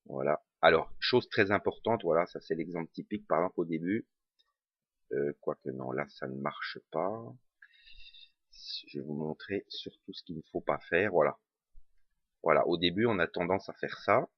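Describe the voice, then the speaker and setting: A man's voice: sits low, normal speed, slightly rough, dry recording. A man with a regional French accent explaining a puzzle step by step, hesitant, with many fillers and self-corrections. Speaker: puzzle tutor. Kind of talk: casual spoken tutorial. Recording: dull, lo-fi home recording.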